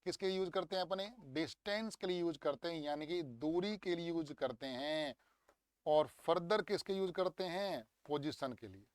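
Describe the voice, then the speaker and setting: A young man teaching English grammar in a lively, coaxing way, walking through an exam paper and drilling words aloud. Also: a little high, moderate pace, smooth. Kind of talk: exam paper walkthrough lesson.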